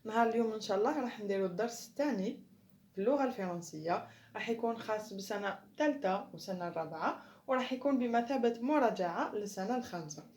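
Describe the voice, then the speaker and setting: A woman with an Algerian Arabic accent teaching a recorded lesson. She explains patiently and spells out French words and rules slowly, one at a time. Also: mid-range voice, darkish tone. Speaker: primary school teacher.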